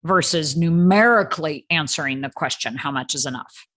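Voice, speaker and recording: A woman's voice: low-pitched, moderate pace, fairly bright tone. A woman guest and financial coach, answering questions in a confident, emphatic way. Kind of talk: interview answers.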